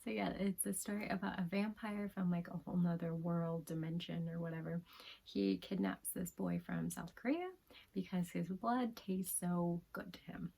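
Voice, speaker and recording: Giggly, husky half-whispering woman. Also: on the low side, fairly even intonation, normal speed, poor audio. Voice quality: soft, half-whispered delivery with frequent giggles. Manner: giggly, chatty, many fillers and restarts. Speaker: manga reviewer. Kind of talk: casual review chat.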